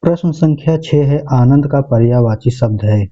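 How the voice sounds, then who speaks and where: Male teacher, mid-pitched, methodical exam walkthrough, lo-fi recording. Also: normal speed, mellow. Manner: methodical, reads out each option, repeats "okay" often. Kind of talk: exam paper walkthrough lesson.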